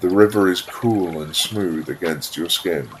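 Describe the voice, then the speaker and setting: In a very low voice, a man reads a scripted guided meditation visualisation at a very slow pace, his delivery soothing and calm with room between phrases. Trickling water ambience is clearly audible behind him. The recording is low-quality, with a little hiss or hum.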